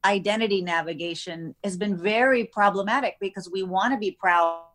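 A woman's voice: medium pitch, brisk. Woman guest, casual talk, story told with bouncing quoted voices. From United States. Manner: animated storytelling with acted-out quotes. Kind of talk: casual chat.

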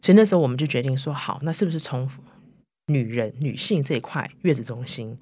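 A woman's voice: extremely low pitch, expressive, quick pace, darkish tone, breathy edge. A middle-aged woman answering in an interview, her Mandarin foreign-influenced and sprinkled with English words and tags like "right". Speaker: interview guest, company chief executive. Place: recording studio.

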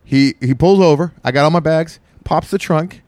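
A man's voice: a little high, normal speed, a little mellow, dry recording. Guy rambling thru a story, wry, dry close mic sound. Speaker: podcast host. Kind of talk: casual chat.

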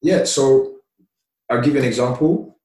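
A man from Somalia, a podcast guest, telling stories from his childhood in a relaxed, chatty way with lots of laughter and fillers. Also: mid-range voice, normal speed. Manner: relaxed, laughs often, many "you know" fillers. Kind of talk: casual storytelling. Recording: roomy, distant mic.

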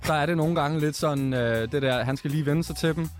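A man's voice: fairly high pitch, faint music behind. A man in his forties, a DJ guest telling stories in casual radio chat, laid-back and swearing now and then. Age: 40s. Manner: laid-back storytelling, swears and slips into English.

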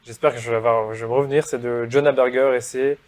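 A man hosting a casual conversational interview, asking questions and quickly chiming in with agreement. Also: mid-range voice, steady tone. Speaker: podcast host.

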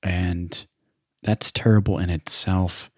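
Male podcast host; very deep, dry-recorded voice; measured, reflective interviewer. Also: flat delivery, no echo.

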